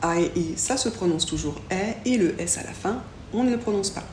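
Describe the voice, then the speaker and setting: A woman teaching a French lesson, saying each example slowly and pronouncing it clearly. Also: mid-range voice, a little mellow. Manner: slow, clearly articulated model pronunciations. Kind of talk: language lesson. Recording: echoey room with faint background hiss.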